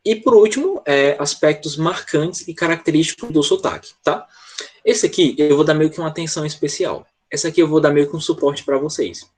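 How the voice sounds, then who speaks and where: Husky teacher checking in constantly. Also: male voice, fairly high pitch, fairly quick, a little mellow. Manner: explanatory, with frequent "tá?" check-ins. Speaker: English teacher. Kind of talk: online class explanation.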